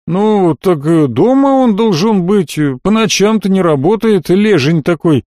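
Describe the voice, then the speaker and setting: A man's voice: high voice, expressive, a little slow, a little mellow, dry recording, studio quality, pitched above the performer's own voice. A man voicing a fawning, folksy provincial cab driver with rustic, obsequious speech. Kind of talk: audiobook character voice.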